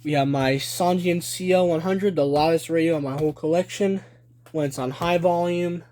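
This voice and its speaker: Filming on a handheld phone in a small room at home, a young adult hobby collector gives a casual show-and-tell, naming items deliberately in short phrases. His voice sits on the high side, dark in tone and steady. The home video is noisy and full of clicks.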